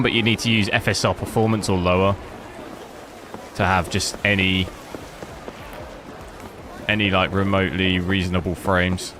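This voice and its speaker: A young gaming streamer from England's South Coast, with a slightly Cockney southern accent, chats casually while playing and answering viewers' messages. His voice is fairly low, there is background noise, and his commentary is rambling and chatty.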